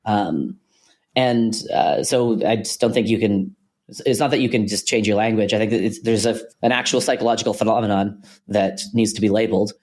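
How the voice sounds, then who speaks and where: Low-voiced man musing on a podcast. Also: fairly quick, darkish tone. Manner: thoughtful, many ums and restarts, hedging. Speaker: podcast co-host. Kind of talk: casual philosophical conversation.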